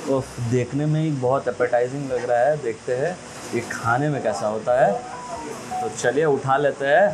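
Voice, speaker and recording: A food vlogger in his thirties reviews dishes in a relaxed, chatty style, sprinkling in English phrases, with a medium-pitched voice. He wears a lapel mic inside a small restaurant and later moves out onto a busy street, and the audio quality is poor.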